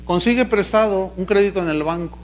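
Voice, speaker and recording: A man's voice: sits high, a little fast, slight background noise, close to an everyday voice. Man mocking a greedy pushy TV preacher. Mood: wheedling pushy. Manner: wheedling, singling out listeners. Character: greedy pushy male TV preacher begging money.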